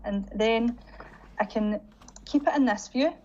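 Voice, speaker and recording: A woman trainer talking teachers through a software tutorial while sharing her screen, chatty and full of "again" and "um". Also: on the high side, a little slow. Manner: chatty, leans on "again" and "um" as she demonstrates. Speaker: digital learning trainer. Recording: dull lo-fi audio with faint hiss.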